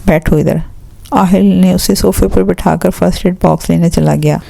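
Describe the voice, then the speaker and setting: A woman narrating a romantic novel aloud in a steady, even storytelling manner. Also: fairly low pitch, vocal fry, dry recording. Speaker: audiobook narrator.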